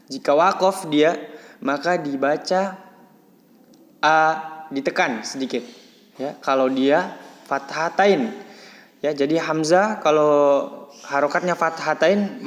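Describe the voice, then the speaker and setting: A man teaching Quran recitation rules patiently, breaking off to chant Arabic words slowly and louder. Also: fairly high pitch, in a large hall. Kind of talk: tajwid lesson, explaining then chanting words.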